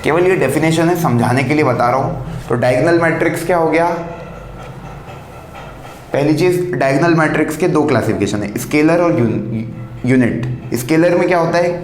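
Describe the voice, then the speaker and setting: A man teaching a maths class at the board, explaining step by step in a mix of Hindi and English and often checking whether the students understood. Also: a little high. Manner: explains slowly, mixing Hindi and English, keeps checking "clear?". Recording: roomy classroom echo, faint background noise.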